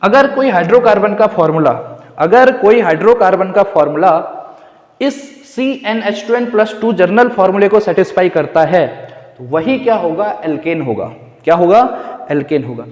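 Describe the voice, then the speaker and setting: A man's voice: high-pitched, expressive, normal speed. A man teaching chemistry in a classroom lecture, asking questions and answering them himself, repeating key words and calling his students "beta". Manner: calls students "beta", casual and direct. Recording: echoey roomy classroom.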